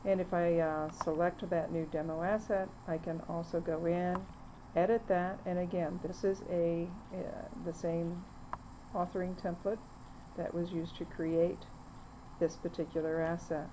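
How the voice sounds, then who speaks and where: A woman narrating a screen-recorded software demo, walking through the steps plainly with frequent fillers. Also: lowish voice, flat delivery, a little slow, background noise. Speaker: software demonstrator.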